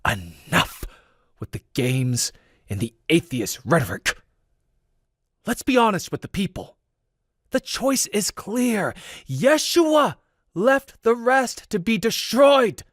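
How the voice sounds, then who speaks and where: A man's voice: expressive, a little slow, dry recording, clean studio sound. A man voicing an arrogant, defiant male military leader who talks in a brash, challenging way. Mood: fervent. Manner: brash, challenging, rising pitch.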